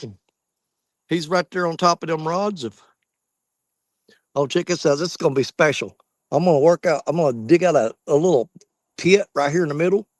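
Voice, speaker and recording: Man, slightly high voice, Southern US drawl, folksy and casual fishing chat, dry outdoor sound. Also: no echo. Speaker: fishing vlogger. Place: outdoors on a small fishing boat.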